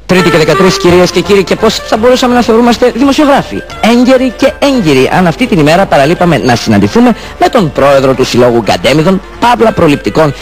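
A man's voice: sits high, very animated, few pauses, faint music behind. A man voicing a pompous TV news reporter in a comedy sketch. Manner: announcer-like, pompous.

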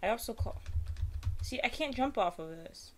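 A woman's voice: on the high side, lively intonation, moderate pace, darkish tone, slight background noise. A young woman giving casual, self-deprecating commentary while playing a game, chatty and nervous. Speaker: gaming streamer. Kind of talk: casual let's-play commentary.

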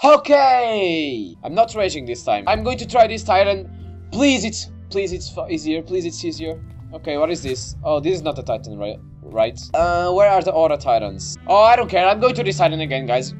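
A young man commentates a game in a high, very animated voice. He is excitable and easily startled, swearing freely as he plays. Faint game music runs behind him. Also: moderate pace. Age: young adult. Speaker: gaming video creator. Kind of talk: let's play game commentary.

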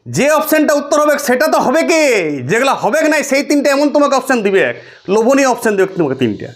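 A man's voice: extremely high pitch, big pitch swings, fast talker. A male teacher lecturing on physics problems, asking his students questions and answering them himself. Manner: explains with rhetorical questions to students. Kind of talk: classroom lecture.

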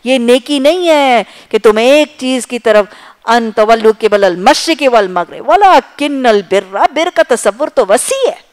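A woman preacher giving an impassioned sermon, building rhythmic lists of short phrases and dropping to soft, low asides. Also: animated. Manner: swings between loud emphasis and soft low asides. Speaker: Islamic preacher.

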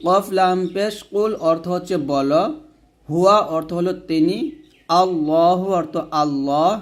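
A man with a rather high voice teaches Quran reading step by step. He spells out the letters one at a time and breaks each verse into words. Then he has the listener repeat the phrases after him. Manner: spells letters aloud, then recites slowly with a drawn-out chant; repeats phrases for the viewer to say back. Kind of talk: Quran recitation lesson.

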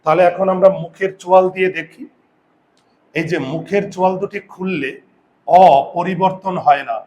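A man teaching a grammar lesson who sounds out vowels slowly, repeats words and asks his students questions. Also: high-pitched, steady tone, darkish tone. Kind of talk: classroom lesson.

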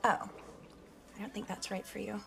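An actress playing a breezy, scatterbrained young adult daughter with a drawn-out way of talking in a sitcom. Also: female voice, medium pitch, level tone, creaky, fairly bright tone. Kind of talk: sitcom acting.

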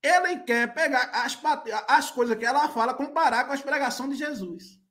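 A man's voice: very high-pitched, moderate pace, sharp tone. A man giving mocking, incredulous live reaction commentary, repeating phrases back.

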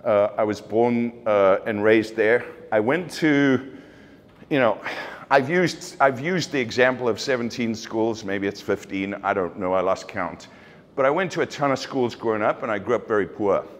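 In a large open office event space with long reverb, a middle-aged man from South Africa delivers a casual keynote. His voice sits on the low side and moves at a moderate pace, and his South African-accented delivery is certain and blunt, packed with fillers and restarts.

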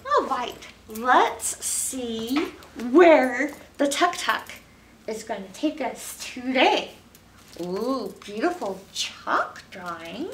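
Seated on a couch in an indoor library room, a middle-aged American woman leads a children's story time, speaking like a librarian to young kids with exaggerated expression. Her fairly high voice has a lively lilt, and she talks extremely slowly. The recording is roomy, with a distant mic and faint noise.

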